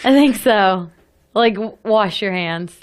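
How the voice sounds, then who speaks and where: Unhurried, easygoing female radio co-host. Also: mid-range voice. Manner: easygoing, laughs often. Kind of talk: casual radio chat. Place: radio studio.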